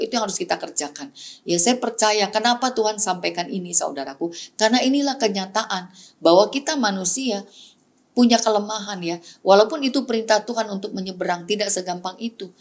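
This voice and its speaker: Woman pastor preaching with rising, falling emphasis. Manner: repetitive exhortation, calling the congregation "saudaraku"; drops pitch and volume on closing words, rises sharply on repeated key words. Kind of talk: sermon.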